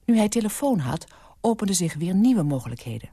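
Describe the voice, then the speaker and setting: A woman reading a story aloud for radio in a calm, measured narration, close to a studio mic. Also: medium pitch, slightly rough, no echo. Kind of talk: scripted narration.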